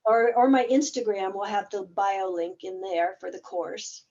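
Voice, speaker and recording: A woman therapist hosting a webinar, explaining her methods slowly and casually. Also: mid-range voice, mellow, dull audio.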